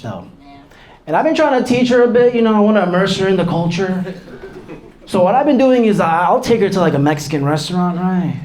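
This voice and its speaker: A man's voice: high-pitched, a little mellow. A young man performing a casual stand-up comedy set in a club, talking straight to the crowd. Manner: casual, addresses the crowd as bro, quick asides. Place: comedy club before a live audience. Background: audience laughter.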